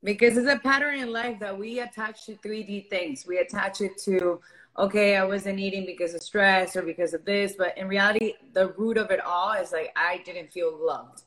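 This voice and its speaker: A young woman from Venezuela, guesting on a podcast as a fitness coach, speaks at medium pitch and moderate pace with a fairly bright tone. The audio is poor, and her casual interview chat is sincere, forthcoming and packed with fillers.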